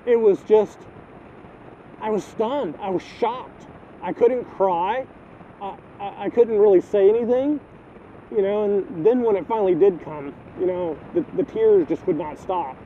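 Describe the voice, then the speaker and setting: A middle-aged man in a personal video diary, halting and repeating words, choked up with grief. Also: high voice. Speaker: vlogger. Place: outdoors, filming the neighborhood. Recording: tinny phone-like audio, faint wind noise.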